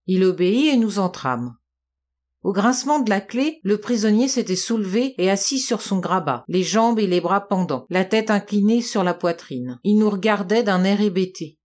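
A woman reading aloud, narrating a classic detective story at a measured, steady pace. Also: mid-range voice. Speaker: audiobook reader.

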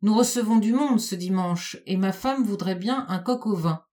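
A friendly but sly neighbour farmer makes his offer in a smooth, cajoling tone, as a woman reads him aloud. The voice stays warm and mellow. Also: mid-range voice, moderate pace, lightly acted. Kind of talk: storybook reading.

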